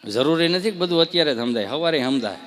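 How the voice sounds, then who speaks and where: A male stand-up comedian, telling jokes in an animated way and putting rhetorical questions to the crowd. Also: fairly high pitch, fast talker, slight background noise.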